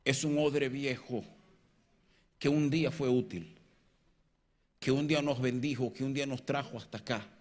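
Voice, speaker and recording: A man preaching a sermon, swinging between loud emphatic peaks and quiet low passages and joking with his congregation. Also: normal speed, long pauses. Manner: jokes and banters with the congregation.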